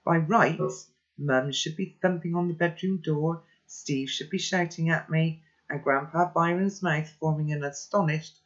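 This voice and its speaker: Casting: calm first-person storybook narrator, mid-pitched, lo-fi sound. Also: measured pace. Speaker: reader. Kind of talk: reading a children's novel aloud.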